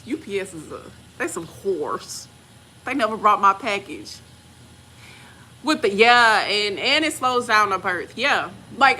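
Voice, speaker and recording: Woman in her 40s, bright, chatty storyteller, animated quoting. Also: slight background noise, poor audio. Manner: animated, acts out quoted voices with big pitch jumps. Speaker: channel host. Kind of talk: casual storytelling chat.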